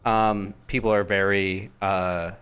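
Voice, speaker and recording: A young man co-hosting a sports podcast, chatting casually, joking and rambling with quick laughs. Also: lowish voice, little pitch movement, a bit bright, smooth. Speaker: podcast co-host.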